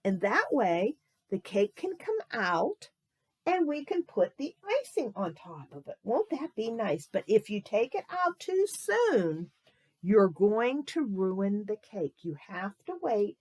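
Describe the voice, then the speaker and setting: A woman voicing a patient mother who calmly explains to her young daughter, step by step, why she must wait. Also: medium pitch, slow pace, slightly rough, exaggerated voice.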